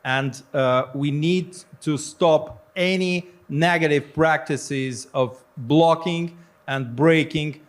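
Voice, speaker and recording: A man answering as a panelist, listing his points deliberately between fillers. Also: on the high side.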